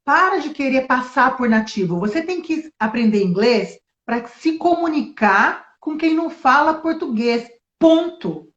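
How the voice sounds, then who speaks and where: A woman English teacher in a relaxed interview, lively and explaining with spoken examples. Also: sits high, unhurried, few pauses. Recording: echoey, dull lo-fi sound.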